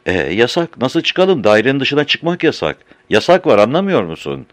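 A man's voice: mid-range voice, big pitch swings, moderate pace, no echo, voice pushed up, close to an everyday voice. A man voicing a chatty woman artist who tells her dream in an emphatic, insistent and slightly impatient way.

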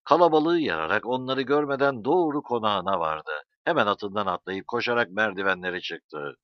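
A man narrates an audiobook in a low voice, reading dramatically. His pitch swings widely and stays animated. The recording is dry and slightly muffled. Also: normal speed, no echo. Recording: dull lo-fi sound.

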